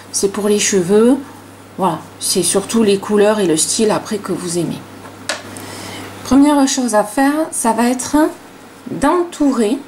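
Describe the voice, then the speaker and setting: A woman's voice: medium pitch, a little mellow, slight background noise. A middle-aged woman with a regional French accent, hosting a casual crochet tutorial and talking in a chatty way, full of fillers like "hein" and "voilà".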